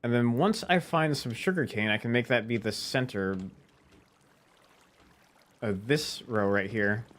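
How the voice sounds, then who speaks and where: A man giving casual let's-play commentary in an easy, mid-pitched voice. He chats to himself as he plays, conversational and unhurried. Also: a bit bright, slight background noise. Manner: chatty, talking to himself as he plays. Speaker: gaming video creator.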